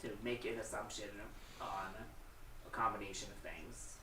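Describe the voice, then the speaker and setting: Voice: sits low, moderate pace, echoey room, recorded from a distance, noisy background. A player at a tabletop game chatting casually, giggling and rambling.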